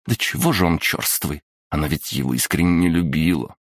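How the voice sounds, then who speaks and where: A man reading an audiobook voices an emotional middle-aged mother who talks in a shrill, exclamatory, melodramatic way. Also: expressive, moderate pace, dry recording, studio quality. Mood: tearful.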